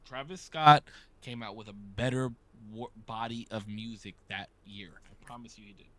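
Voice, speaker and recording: A man's voice: lowish voice, steady tone, normal speed, fairly bright tone. A man co-hosting a casual rap podcast, emphatic and argumentative, teasing his co-hosts. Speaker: podcast co-host. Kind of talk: casual chat.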